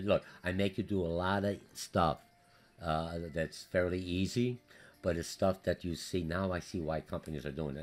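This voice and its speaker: A college business instructor with a low voice and a Polish accent rushes through a recorded course update. He sounds hurried and energetic, repeating himself and using lots of fillers.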